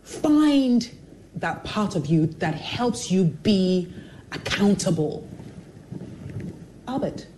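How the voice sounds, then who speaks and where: A woman with a mid-range voice speaks very slowly and pauses often in this low-quality recording with slight background noise. A television personality, she gives a candid, motivational interview, animatedly acting out the voices of the people in her stories.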